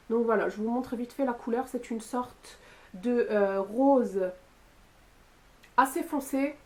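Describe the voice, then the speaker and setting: A woman vlogger chatting casually to camera about makeup she bought, with lots of fillers and pauses. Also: fairly high pitch. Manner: chatty, with frequent fillers and "voilà". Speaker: beauty youtuber. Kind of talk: casual product haul talk to camera.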